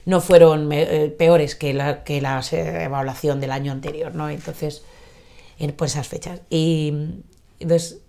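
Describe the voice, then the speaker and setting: A woman in her forties with a low, gravelly, dark voice talks about her life in a hesitant, reflective way. She often stops and restarts her sentences. She is a guest on a podcast recorded in a home kitchen. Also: steady tone, unhurried. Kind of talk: emotional personal conversation.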